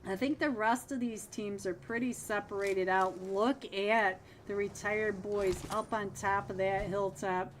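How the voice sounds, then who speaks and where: Solo female esports caster, conversational and upbeat, mid-pitched, voice wearing thin, faint background hiss. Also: a little slow, few pauses. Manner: chatty, upbeat, bursts of excitement at plays. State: losing her voice. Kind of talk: solo live game commentary.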